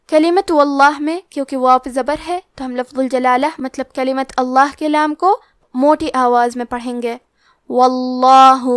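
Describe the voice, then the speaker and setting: A woman's voice: sits high, no echo, clean studio sound. A woman teaching Quran recitation rules, explaining each letter methodically step by step. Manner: chants verses slowly and drawn out. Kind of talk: tajweed lesson with slow chanted recitation.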